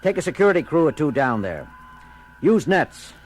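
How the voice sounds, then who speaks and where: An actor playing an exasperated, authoritative starship captain in an audio drama, giving clipped orders. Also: male voice, a little high, very animated, moderate pace. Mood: urgent, commanding. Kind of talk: dramatic audio theater acting. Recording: music under the voice.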